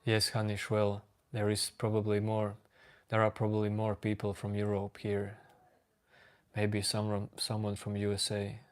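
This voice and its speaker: Calm flat-voiced man with a Latvian accent. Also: fairly low pitch. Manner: slow, calm, reading out chat names. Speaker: livestream host. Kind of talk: casual chat with live chat readers.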